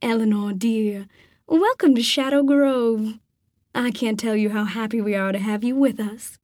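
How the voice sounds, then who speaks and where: Sweet gracious stepmom in an audiobook, high slow voice, something off about her, woman reading. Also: darkish tone, dry recording, clean studio sound, natural voice. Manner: smiling, gracious, sugary welcome. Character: gracious, beautiful stepmother with a sinister edge. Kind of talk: audiobook character voice.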